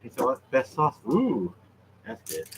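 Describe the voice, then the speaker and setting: A man's voice: mid-range voice, huge pitch swings, unhurried, a little hiss or hum. A man hosting a casual livestream, joking, laughing and reading viewer comments aloud as he eats. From Oklahoma. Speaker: livestream host. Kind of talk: casual livestream chat while eating.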